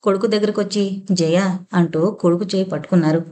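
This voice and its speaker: Low-voiced woman narrating a novel. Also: fairly even intonation, moderate pace, mellow.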